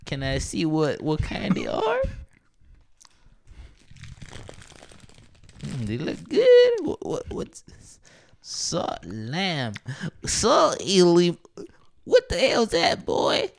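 Folksy older man, put on by a man, drawling and gravelly, slow delivery with huge pitch swings; comedic. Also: huge pitch swings, full character voice. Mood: teasing. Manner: drawling, calls others boy and sir. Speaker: visiting friend. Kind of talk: comedic improv banter.

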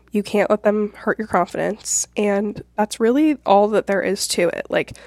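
A woman hosts a solo advice podcast in a stuffy, nasal voice at a medium pitch. She talks informally and a little ramblingly, reassuring her listeners as she goes. The sound is close and dry, with no room echo. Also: a little mellow. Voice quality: nasal, congested voice. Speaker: podcast host; realtor.

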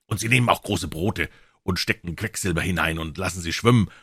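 A scruffy storybook boy earnestly recounts superstitions in an uneasy voice, as a man reads him. It stays close to a deep, husky, dry reading tone. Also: fairly quick, a bit bright, no room sound, exaggerated voice. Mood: anxious.

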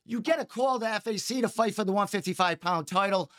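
A man hosting a podcast, asking long, halting questions full of restarts. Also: sits high, a bit bright. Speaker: podcast host. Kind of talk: casual interview.

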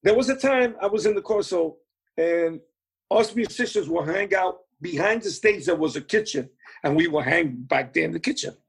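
A man's voice: sits high, lively intonation, moderate pace, vocal fry, slightly rough. A man telling old band stories in an interview, rambling along with many fillers and restarts. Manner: rambling, full of "you know" fillers and restarts. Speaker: musician recalling band days. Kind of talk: anecdotal storytelling interview.

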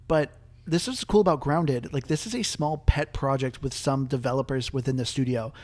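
A young man hosting a casual gaming podcast, chatty and quick to laugh, with plenty of filler words. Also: mid-range voice, darkish tone. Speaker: podcast host.

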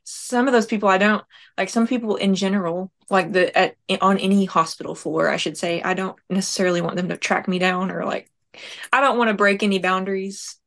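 A woman's voice: medium pitch, fairly even intonation, fairly quick, a bit bright. A young woman, a nurse and prank caller, answering interview questions in a chatty way full of fillers. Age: young adult.

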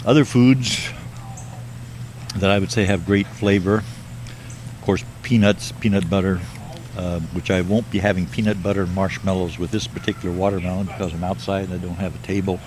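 An older man slowly musing in a plain, matter-of-fact way while filming himself outdoors. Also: deep voice, fairly even intonation, darkish tone. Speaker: video maker. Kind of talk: rambling self-filmed monologue. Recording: noisy outdoor video clip.

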